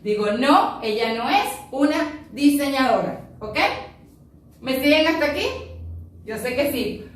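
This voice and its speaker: High-voiced teacher in an echoey room. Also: female voice, unhurried, distant mic. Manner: explains step by step, checks in with "ok?" after each point. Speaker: English teacher. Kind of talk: recorded classroom lesson.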